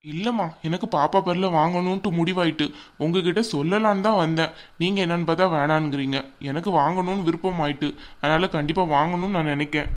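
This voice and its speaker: A woman's voice: fairly low pitch, fast talker, slight background noise, natural voice. A woman voicing a stubborn young husband arguing insistently with his mother in a cartoon. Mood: pleading. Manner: insistent, argumentative. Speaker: son. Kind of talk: cartoon voice acting.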